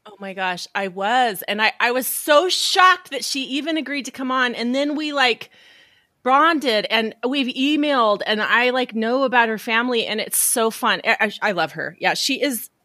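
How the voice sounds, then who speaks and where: A woman hosting a podcast, chatting casually with quick reactions and frequent laughter. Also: fairly high pitch, lively intonation, pushed and bright, no room sound, studio quality. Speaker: podcast host. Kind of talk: casual chat.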